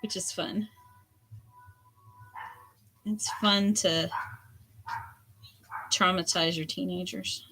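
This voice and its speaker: A hoarse woman in her forties, a potter chatting candidly while she throws clay at the wheel. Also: lowish voice, steady tone, very slow, pauses often, a bit bright, slight background noise. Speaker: potter streaming a throwing session. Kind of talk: casual chat while working. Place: pottery studio with lo-fi music on.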